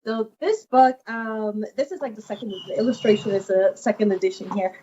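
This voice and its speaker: A woman from Guyana, a children's author in her thirties, telling her stories in an animated conversational interview with many fillers. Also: medium pitch, fairly quick. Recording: muffled lo-fi with faint noise.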